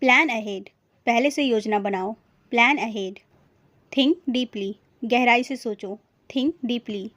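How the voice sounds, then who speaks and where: A young woman teaching an English lesson, reading each short phrase slowly and then repeating it. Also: fairly high pitch, a bit bright, dry recording. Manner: slow, deliberate repetition of short phrases.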